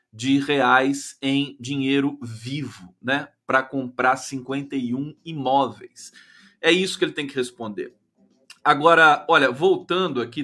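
A man's voice: medium pitch, fairly bright tone. A man with a Brazilian Portuguese accent hosting a live stream of casual political commentary, sarcastic and profane, often ending phrases with a tag question.

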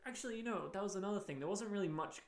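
A man's voice: high-pitched, very fast. A man chatting casually about a film, rambling with many fillers and restarts. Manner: rambling, full of likes and sort-ofs. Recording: roomy echo.

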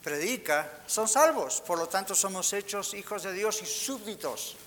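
A pastor preaches with a high, bright voice, putting rhetorical questions to his listeners. His voice rings out through a reverberant hall over a faint hiss. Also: lively intonation, a little slow. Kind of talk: sermon. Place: church hall.

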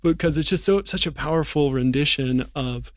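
A man reading a storybook passage aloud in an earnest, expressive way, then reflecting on it in a Bible discussion. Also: on the high side, moderate pace, dry recording, studio quality.

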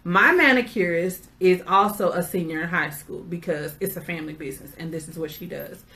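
Woman, middle-aged, casual chat host, chatty, sassy, lowish voice. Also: fairly quick, sharp tone. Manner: chatty storyteller, sassy asides. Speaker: podcast host.

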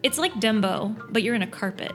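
A woman's voice: on the high side, lively intonation, a little fast, faint music behind. A woman co-hosting a casual podcast, explaining things at length with lots of fillers. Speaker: podcast co-host.

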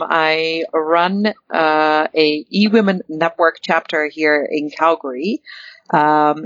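A woman's voice: sits low, no echo, muffled recording. A woman in her fifties from the Netherlands, a guest in a casual interview, talking in a rambling way with many ums and restarts. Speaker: guest, networking chapter director.

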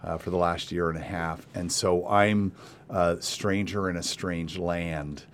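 A middle-aged man hosting a podcast interview, talking casually with frequent restarts and pauses. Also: deep voice, steady tone, a bit bright, a little hiss or hum. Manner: hesitant, restarts often, thinks aloud. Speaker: podcast host.

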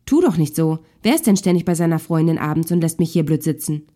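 A woman's voice: deep voice, animated, fast talker, warm tone. A woman voicing an irritated husband in a marital argument, defensive and dismissive.

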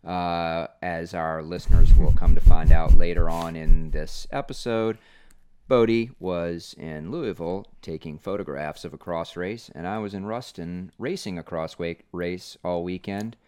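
A man's voice: low voice, measured pace, mellow, clean tone. A man co-hosting a casual podcast, steering the conversation and setting up the next segment. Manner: steers the talk, sets up segments. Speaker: podcast co-host.

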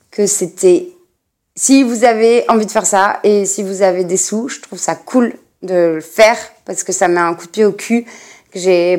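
A woman's voice: fairly low pitch, a little mellow. A young woman hosting her own podcast, talking casually and rambling with many fillers and restarts. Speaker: podcast host. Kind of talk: casual personal podcast monologue.

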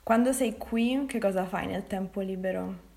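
A woman's voice: medium pitch, normal speed, creaky, darkish tone. Roman woman hosting a conversational podcast. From Lazio, Italy. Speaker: podcast host, interviewer. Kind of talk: conversational interview and outro for language learners.

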